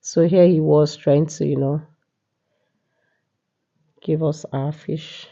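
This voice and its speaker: This is casual market vlog narration by a Nigerian woman who has a cold, so her voice is congested. It is low-pitched, slow and mellow, with vocal fry and fairly even intonation, and the recording is muffled. She often says "yeah" and "you know."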